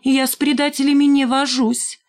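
A woman's voice: sits high, level tone, fairly quick, a little mellow, voice pushed up. A woman doing a sly sing-song schoolgirl. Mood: smug.

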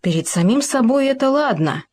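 The storyteller voicing an excitable, anxious young male gopher, raising the pitch for a storybook reading. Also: normal speed. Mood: worried.

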